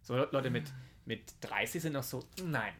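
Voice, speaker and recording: A man's voice: mid-range voice, moderate pace. A young man in his twenties in a casual, rambling chat, swearing and laughing along the way.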